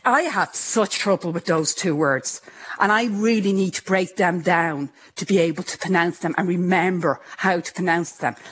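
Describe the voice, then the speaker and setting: An Irish woman with a speech impediment tells her own story as an interviewee, speaking at a fairly low pitch and normal speed with a slight hiss or hum. She is candid and self-mocking, carefully sounding out difficult words.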